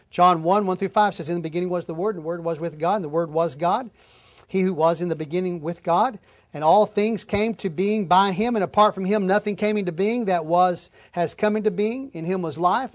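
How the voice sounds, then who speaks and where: A man with a high voice preaches an expository sermon, reading scripture aloud and then explaining it plainly to his listeners, whom he calls folks.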